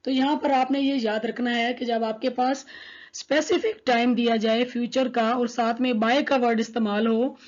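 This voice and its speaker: A woman teaching an English grammar lesson, reading each example sentence slowly and deliberately. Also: fairly high pitch, fairly even intonation, a little mellow. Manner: slow, deliberate, reads English examples word by word. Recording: dull lo-fi recording.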